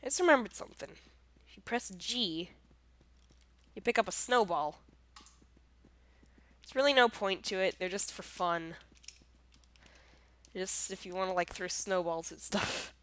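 A woman's voice: medium pitch, unhurried, long pauses, fairly bright tone, a little hiss or hum. A woman with a congested, nasal voice chatting casually through her gameplay, easily surprised and self-deprecating. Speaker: gameplay commentator.

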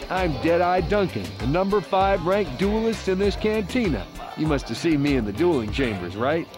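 A blustering male duelist from a video game, all talk and easily defensive. His fairly high voice swings widely in pitch, with music behind it. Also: big pitch swings, normal speed. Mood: boastful, defensive. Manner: boastful, defensive. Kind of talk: video game character acting.

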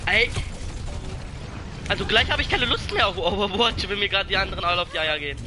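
A man's voice: sits high, fast talker, noisy background. A young man live-streaming a game, chatting to viewers and ranting in exasperated, slangy outbursts. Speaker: game livestreamer. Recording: loud game music behind the voice. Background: video game music and sounds.

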